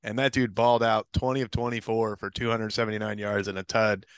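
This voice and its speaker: A man's voice: lowish voice, level tone, brisk, a bit bright, smooth, no room sound. A young man co-hosting a casual sports podcast, giving chatty, confident takes. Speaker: podcast co-host.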